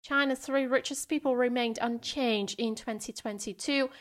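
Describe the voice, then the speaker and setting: A woman presenter reading scripted business and market news at a rapid clip. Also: fairly high pitch, fairly even intonation.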